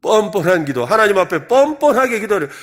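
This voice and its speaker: A male pastor with a Gyeongsang Korean accent delivers a sermon, his fairly high voice swinging up and down with lively expression. He keeps pressing the congregation with questions and makes them answer back. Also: fast. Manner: animated, quizzes the congregation with repeated questions. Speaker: senior pastor. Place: church service.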